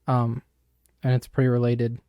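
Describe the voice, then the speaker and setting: A man's voice: medium pitch, monotone, normal speed, dark tone, clear, resonant tone, no room sound, studio quality. A young man co-hosting a podcast, explaining ideas from a book in a thoughtful, casual way. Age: young adult. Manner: thoughtful, explanatory, with frequent fillers. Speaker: podcast co-host.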